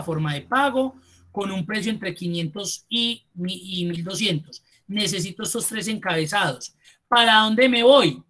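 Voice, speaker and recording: A man's voice: high-pitched, bright, forceful tone. Patient man teaching spreadsheets. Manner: patient, step-by-step, addresses students with "usted"; thinks aloud, with restarts and drawn-out words. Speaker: Excel instructor. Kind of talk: live online class walkthrough.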